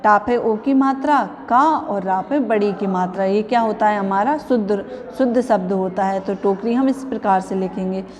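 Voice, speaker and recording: A woman's voice: medium pitch, moderate pace, few pauses, a little mellow, long reverb tail. A woman teaching young children a grammar lesson, patiently asking the class questions and repeating each answer. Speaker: primary school teacher.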